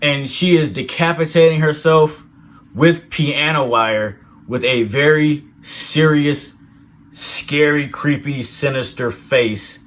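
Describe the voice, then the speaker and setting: A man hosting a casual film review, retelling scenes with animated, profane reactions. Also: fairly high pitch, slow.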